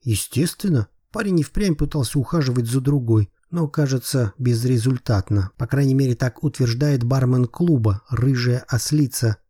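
A man's voice: mid-range voice, moderate pace, few pauses, mellow, slightly rough, no room sound, clean studio sound, natural voice. A man voicing a touchy, curt male private eye. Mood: edgy.

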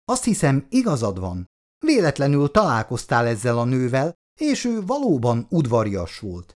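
A man's voice: mid-range voice, huge pitch swings, darkish tone. A man voicing a cold, proud young woman. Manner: cold, clipped, tight replies. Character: young woman, cool, proud, hurt fiancée.

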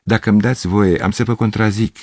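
A man's voice: lowish voice, steady tone, dry recording, studio quality, lightly acted. A man voicing a fussy, flustered middle-aged male piano teacher who rambles and over-explains. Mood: fretful.

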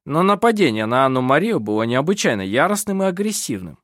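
An audiobook narrator reading a mystery in scripted narration with an expressive delivery. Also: medium pitch, quick pace, no room sound, clean studio sound.

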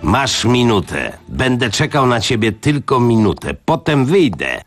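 A man reading the part of a brisk, authoritative foundation president who gives curt orders. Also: a bass voice, expressive, creaky, slightly rough, faint music behind, full character voice. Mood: commanding.

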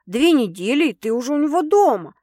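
Woman doing a mouthy teasing sister, high and loud, bossy, dry sound. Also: sing-song, no echo. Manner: mocking, blunt, quick to scold. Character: brash teasing young woman, older sister.

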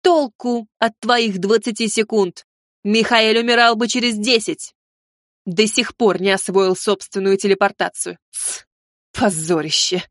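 A woman's voice: medium pitch, steady tone, measured pace, dry recording, clean studio sound, natural voice. A woman voicing a stern, commanding old great-grandmother who scolds in a cold manner.

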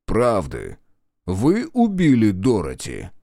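A man reading a story aloud, voicing a cunning male detective who questions people slowly and slyly. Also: fairly low pitch, wildly swooping pitch, mellow, no echo, studio quality, exaggerated voice. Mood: probing. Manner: probing, slow, sly.

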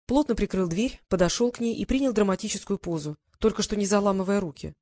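A woman narrating a romance novel audiobook in calm, even storytelling. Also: mid-range voice, fast, no room sound, clean studio sound.

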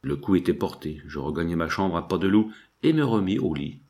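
A man with a fairly low voice narrates a novel aloud. He reads it as scripted narration and gives the characters in the dialogue small pitch shifts of their own. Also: lively intonation, a little fast, a little mellow. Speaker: audiobook reader.

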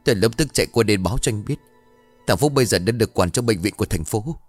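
A man's voice: on the low side, expressive, quick pace, dry recording, faint music behind. A man voicing a middle-aged bus company owner who brings bad news urgently and earnestly.

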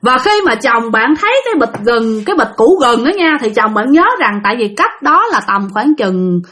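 Narrating a ghost story, a woman with a Southern Vietnamese accent keeps things lively and talks directly to her audience. She speaks at a normal speed in a slightly high voice.

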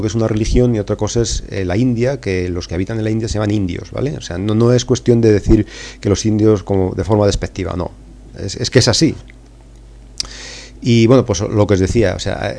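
A middle-aged Spanish man hosts a language podcast in a relaxed, chatty way. His voice sits a little low and sounds dark and mellow. He wanders between points, dotting his speech with fillers and tag questions. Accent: Spanish, from Spain. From Spain. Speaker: podcast host and English teacher. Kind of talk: casual spoken lesson.

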